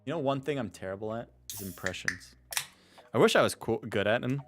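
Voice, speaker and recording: Here the live game commentary comes fast and animated from a man with a mid-range voice. He rambles casually and jokes at his own expense while music plays behind him.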